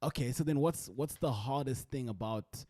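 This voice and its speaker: A man's voice: mid-range voice, moderate pace, darkish tone, no echo, clean studio sound. A young man with a South African accent hosting a podcast in casual, slangy chat, often repeating his phrases. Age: young adult. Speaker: podcast host.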